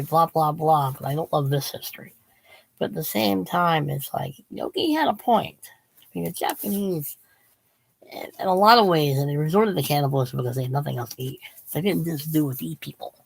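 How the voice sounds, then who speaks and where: A man's voice: a little high, creaky, slightly rough, dry recording, low-quality recording. A man who is losing his voice, talking casually and rambling about his books, restarting sentences and drifting off topic. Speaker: channel host. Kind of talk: casual rambling book talk.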